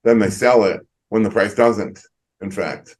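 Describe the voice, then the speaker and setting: A middle-aged man, an economist guest on a video call, explaining in a measured way with frequent ums. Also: fairly low pitch, a little mellow, low-quality recording. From United States. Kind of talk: interview answers.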